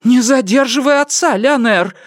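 A man's voice: very high-pitched, moderate pace, no room sound, clean studio sound, voice pushed up. A man voicing a fretful elderly grandmother who urges and scolds in a raised, anxious voice. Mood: urgent. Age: older.

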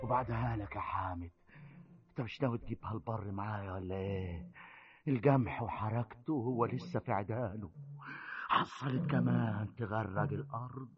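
A man's voice: high-pitched, big pitch swings, normal speed. An actor with an Egyptian accent playing a stubborn, defiant farmer who refuses to give up his land, in a classic radio drama. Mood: bitter. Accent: Egyptian Arabic. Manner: fierce and defiant. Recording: dull old radio recording with music.

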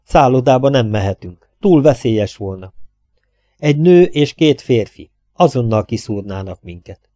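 A man's voice: medium pitch, expressive, warm tone, no room sound, studio quality, close to an everyday voice. A man voicing a cautious, calculating male fugitive in an audiobook, talking through risks in a level, reasoning way. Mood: wary.

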